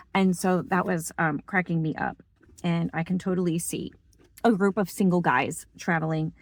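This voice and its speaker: A woman's voice: on the low side, darkish tone, dry recording. A woman chatting enthusiastically about her reading in a casual book vlog. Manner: enthusiastic, chatty, lots of fillers. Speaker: book vlogger.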